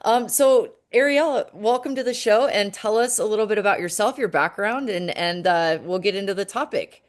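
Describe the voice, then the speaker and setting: A woman hosting a podcast interview, speaking casually and haltingly with many restarts. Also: mid-range voice. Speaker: podcast host.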